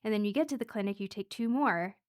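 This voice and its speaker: A woman who works as a dental hygienist, a podcast guest telling personal stories in an animated, laughing way. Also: mid-range voice, fast talker. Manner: animated storyteller, laughs often. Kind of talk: casual podcast conversation.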